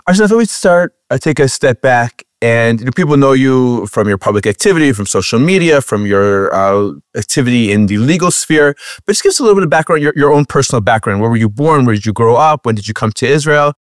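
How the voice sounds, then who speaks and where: A man's voice: mid-range voice, expressive, fast talker, few pauses, dry recording, studio quality. A man co-hosting a podcast, chatting casually with fillers and restarts, then introducing the show and a guest. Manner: conversational, with frequent fillers and restarts. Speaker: podcast co-host.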